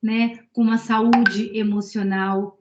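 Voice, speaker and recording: A woman's voice: fairly high pitch, flat delivery, slow pace, highs cut off, background noise. Earnest woman on an echoey video call. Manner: earnest, hesitant, many fillers. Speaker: student association member. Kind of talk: casual online meeting talk.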